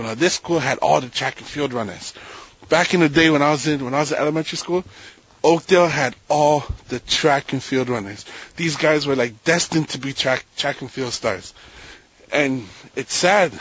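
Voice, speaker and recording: A man from Canada giving casual, reflective walking commentary outdoors as host, with relaxed, slangy talk. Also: on the high side, slightly rough, no echo. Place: outdoors on city streets at night. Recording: dull, muffled street recording.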